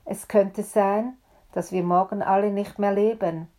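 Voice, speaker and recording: Solemn male rabbi, earnest, unhurried, played by a woman, storytelling. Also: mid-range voice, fairly even intonation, dark tone, lightly acted. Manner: earnest, slow and deliberate. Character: solemn male rabbi addressing a frightened congregation.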